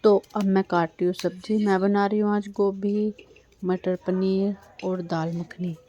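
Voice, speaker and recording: A woman's voice: medium pitch, little pitch movement, unhurried, dark tone, muffled recording. Chatty middle-aged woman vlogger at home. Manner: chatty, rambling, talks to camera while doing chores. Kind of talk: casual home vlog chat.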